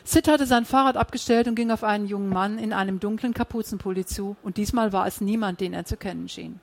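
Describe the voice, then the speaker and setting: A reader narrating a crime story in an audiobook, with steady storytelling. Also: male voice, sits high, quick pace, creaky. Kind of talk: scripted narration.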